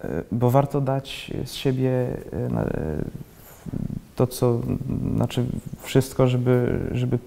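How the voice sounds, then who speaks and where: A Swiss-raised actor in his thirties, seated in an armchair in an indoor library room lined with bookshelves, talks casually as an interview guest. He speaks haltingly, often restarting as he hunts for words, his mid-range voice warm with vocal fry and a long reverb tail.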